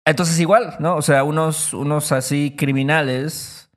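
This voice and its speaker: A man's voice: on the high side, fairly even intonation, unhurried. A man, co-hosting a podcast language lesson, often agreeing with short affirmations and offering English equivalents. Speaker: podcast co-host. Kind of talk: casual conversational language lesson.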